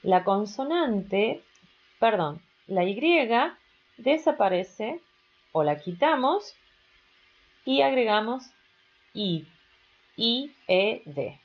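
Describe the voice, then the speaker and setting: A woman teaches a recorded grammar lesson, taking her time over each rule. Her pitch swings widely as she stresses key words and asks quick checking questions. The sound is a little dull and lo-fi. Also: sing-song. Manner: slow, patient explaining with rising questions to students. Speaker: English teacher.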